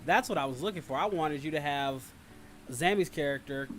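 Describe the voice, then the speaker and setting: A man's rather high, somewhat bright voice comes through fairly quickly over a slight hiss or hum. Hosting a casual livestream, he goes through viewer comments and replies, rambling, repeating himself and teasing with complaints.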